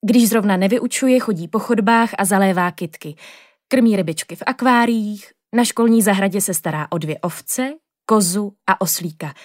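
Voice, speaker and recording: A woman reading a children's storybook aloud in the first person of a little girl, in a lively storytelling tone. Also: medium pitch, no room sound, studio quality. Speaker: audiobook reader.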